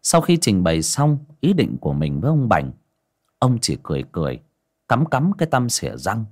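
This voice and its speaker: A man narrating a dramatic story in an expressive storytelling manner. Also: mid-range voice, fairly quick.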